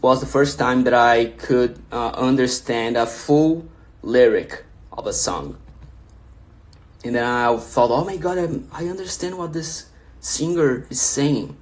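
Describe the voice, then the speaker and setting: On a relaxed livestream, a young man from Brazil reads viewers' questions aloud and responds encouragingly, often beginning his sentences again. His voice is mid-range and unhurried, with the Brazilian Portuguese accent of a native Portuguese speaker.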